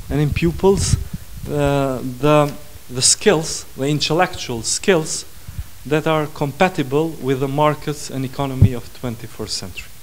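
A man with a slightly high voice, speaking English as a with as his first tongue, pausing and restarting often as he answers questions on a panel. The sound comes through a handheld mic in a small conference room, with steady noise underneath. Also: poor audio. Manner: halting, many restarts and fillers. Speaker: parliament president, panel guest.

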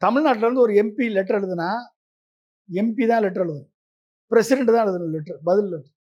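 A man's voice: high-pitched, fast, darkish tone, muffled recording. A man giving a political interview as the guest, pressing his case with a stream of combative rhetorical questions.

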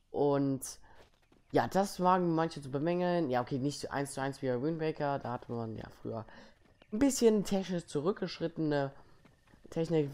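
A man's voice: fairly high pitch, darkish tone. A young man giving casual let's play commentary in an informal, slangy way. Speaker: let's player.

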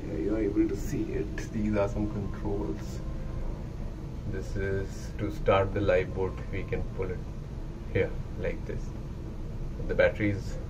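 A young merchant navy officer films a casual guided tour vlog inside a ship's lifeboat on his handheld phone, explaining things plainly in English mixed with Hindi. His voice sits low, and there is background noise.

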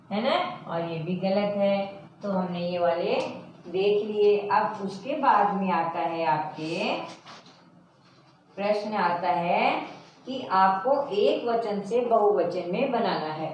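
A woman school teacher giving a primary-school language lesson, repeating words slowly and asking the class checking questions. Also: medium pitch. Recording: very echoey, distant, faint hiss.

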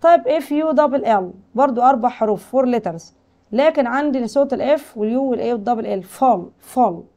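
High-pitched Egyptian woman teacher. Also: warm tone. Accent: Egyptian Arabic. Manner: reads English lines slowly, then translates with questions to pupils. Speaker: English teacher. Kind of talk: explaining a textbook lesson.

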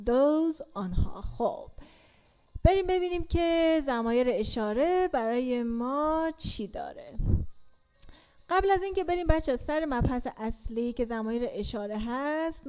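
A woman explains grammar like a patient English teacher. Her voice sits high but has a soft, mellow tone. She repeats sounds slowly so students can follow. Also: poor audio. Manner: patient, repeats and drills pronunciation. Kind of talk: casual classroom explanation.

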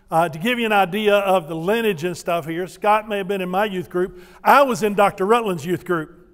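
In a large church sanctuary, an older man with a high-pitched voice delivers a folksy, humorous sermon as a visiting missionary speaker. He tells stories and leads the congregation in call-and-response, having them repeat greetings after him.

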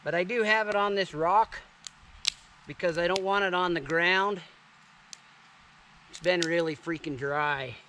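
A relaxed man in his thirties talks viewers through his camp kitchen in a forest clearing, his voice sitting a little high. He chats loosely, calling out "you guys", with a faint outdoor hiss behind him. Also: a little slow, pauses often. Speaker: vlogger showing camping gear. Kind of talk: casual outdoor demonstration. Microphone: camera on a tripod and handheld selfie camera.

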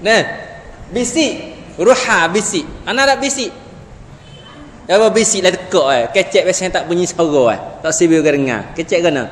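A man with a Patani Malay accent teaches Quran recitation in an animated way, drilling sounds again and again. His voice sits high and carries a long reverb through a hall. Faint noise hums behind him. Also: normal speed. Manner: animated, repeats sounds for students, chuckles often. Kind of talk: classroom teaching. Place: classroom.

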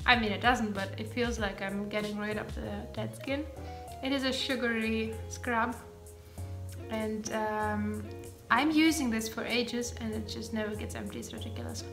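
With music playing in the background, a woman in her thirties chats in a fairly high, lively voice at a moderate pace during an indoor get-ready-with-me monologue from her bedroom. She was born in Ukraine with Russian as her first language, and her lightly British-tinged English carries Russian and German traces as she rambles through her skincare with ums and self-corrections.

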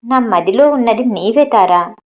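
A woman's voice: on the high side, expressive, measured pace. A woman reading a loving young husband's lines in an affectionate, earnest way, in a dull lo-fi recording. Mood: tender.

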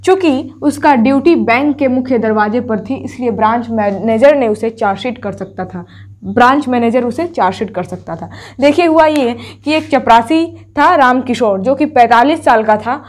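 A woman's voice: fairly high pitch, normal speed. A woman teacher explaining a story chapter to students in an online class. She repeats each point and asks herself rhetorical questions as she goes. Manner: addresses students directly, telling them to take screenshots.

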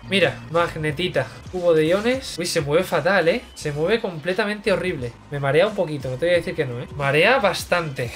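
Excitable young gamer man. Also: on the high side, moderate pace, hardly any pauses, soft background music. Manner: excitable, yelps and repeats words in panic. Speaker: gameplay streamer. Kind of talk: casual let's-play commentary.

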